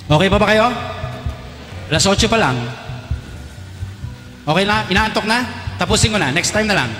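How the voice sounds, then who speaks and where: Teasing Filipino priest in an echoey church. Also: male voice, a little high, fairly bright tone. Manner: teasing, quizzes the crowd with rapid questions. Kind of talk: lively homily to a congregation. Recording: echoey church with long reverb, faint music.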